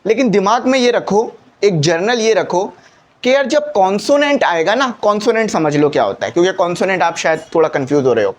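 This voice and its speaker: A man's voice: high-pitched, expressive, fairly quick. A man teaching a classroom grammar lesson who talks patiently, repeats his key points and keeps asking rhetorical questions.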